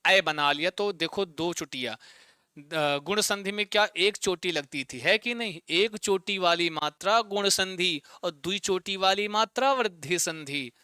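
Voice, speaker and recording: A man teaching a Sanskrit exam-prep lesson online, drilling students with repeated check-in questions and spelling out word parts slowly, syllable by syllable. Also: high-pitched, pushed and bright, clear, resonant tone, no room sound, clean studio sound.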